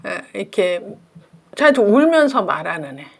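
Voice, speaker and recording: Middle-aged woman, professor giving a chatty parenting lecture; gravelly, mid-pitched voice. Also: very animated, normal speed. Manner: chatty, acts out mother and child in little scenes. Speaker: professor of child education.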